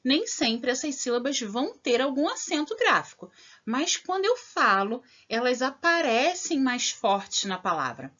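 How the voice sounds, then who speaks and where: A woman teaches a recorded lesson for children in a fairly high, very lively voice. She slows down to stress each example clearly and keeps checking in with her listeners. The recording is dull and lo-fi. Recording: dull lo-fi audio.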